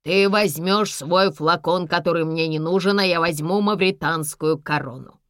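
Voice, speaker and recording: Lady doing a nasty older bad guy, lower voice, sneering and barking, dry close sound. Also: moderate pace, a bit bright, clean tone, dry recording, natural voice. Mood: menacing. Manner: mocking, threatening, barking. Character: ruthless older man, menacing villain with a revolver.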